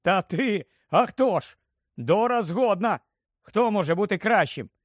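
A man voicing an excited middle-aged wizard who has just become a father, talking loudly in a raised voice. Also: high voice, a little slow, husky, no echo, studio quality, voice pushed up, full character voice. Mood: warm. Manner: loud, breathless joy, raised voice.

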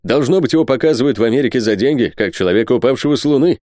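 A man's voice: mid-range voice, animated, racing, a little mellow, dry recording, clean studio sound, pitched above the performer's own voice, close to an everyday voice. A man voicing a cheeky, loyal male orderly in a storybook reading, speaking in a wry, joking way.

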